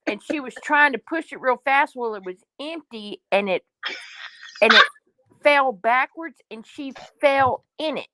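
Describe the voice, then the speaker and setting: A woman chimes in with dry, teasing questions and short remarks in a relaxed conversation. Her voice is a little high. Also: unhurried, heavy background noise. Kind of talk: casual chat.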